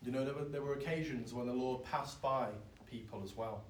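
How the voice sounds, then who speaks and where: A man, preaching a sermon in an earnest, pleading way that swells loud and then drops soft. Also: medium pitch, a little fast, slight background noise. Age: 20s. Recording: echoey, from far off.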